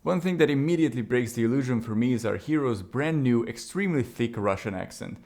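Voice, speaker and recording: Gravelly-voiced male game reviewer. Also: medium pitch, animated, fast, a little mellow. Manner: opinionated, wry asides. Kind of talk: scripted video review narration.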